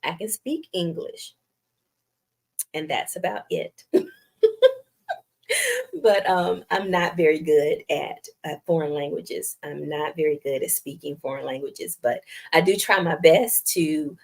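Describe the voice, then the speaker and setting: She's a middle-aged Southerner from the US whose light, youthful voice is also low, creaky, and a little mellow, with fairly even intonation. Speaking slowly and pausing often, she chats on a live stream, laughs a lot, jokes at her own expense, and reads out viewer comments.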